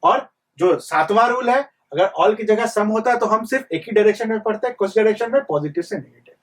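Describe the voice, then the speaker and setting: Young male tutor, high voice, repeats himself, asks rhetorical questions, a bit off-mic. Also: lively intonation, fairly quick, recorded from a distance. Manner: repetitive, quizzes students with rhetorical questions; mixes English terms into Hindi speech. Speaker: reasoning teacher. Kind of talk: exam-prep lecture.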